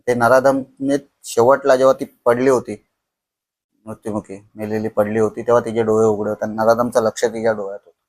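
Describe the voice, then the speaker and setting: A young man telling a horror story on a podcast, slow and dramatic, dropping to a hush at tense moments. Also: lowish voice, level tone.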